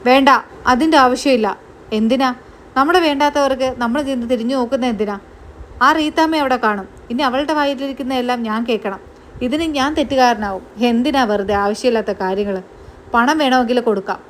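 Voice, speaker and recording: A woman's voice: a little high, a little fast, slight background noise, close to an everyday voice. A woman voicing a stern retired colonel father who answers in a curt, scornful, raised way.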